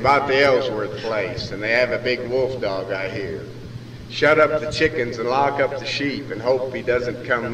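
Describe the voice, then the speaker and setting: Echoey cowboy poet, American West drawl. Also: male voice, medium pitch, a bit bright. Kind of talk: reciting rhymed cowboy poetry as live storytelling. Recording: echoey hall from far off, faint noise.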